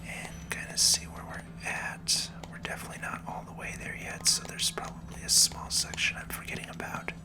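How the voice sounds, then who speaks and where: With game music running in the background, a person narrates their playthrough in a gentle ASMR whisper, breathy and soft, taking their time and calmly explaining along the way.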